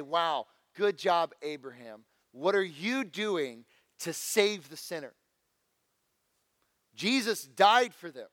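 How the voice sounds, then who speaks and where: Guy preaching a sermon, kinda high voice, stern and exhorting, repeats his points, big echoing hall. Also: a bit bright, studio quality. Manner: exhorting, with stern warnings of judgment and direct questions to listeners; emphatic repetition in short, deliberate phrases. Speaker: pastor preaching to a congregation. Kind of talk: evangelical sermon. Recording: long hall reverb.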